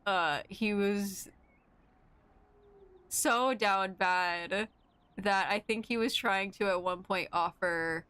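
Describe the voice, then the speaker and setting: A young woman streaming a game, chatting casually, giggling, swearing a lot and getting excitable. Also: medium pitch, slow, clear, resonant tone, no room sound. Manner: giggly, excitable and profane, with frequent filler words. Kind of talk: casual gameplay commentary.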